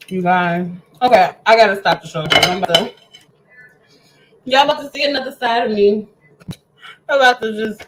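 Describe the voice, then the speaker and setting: A woman's voice: mid-range voice, low-quality recording. A woman hosting a casual home cooking show, chatting eagerly with her viewers as friends while she eats with her mouth full. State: eating, talking with mouth full.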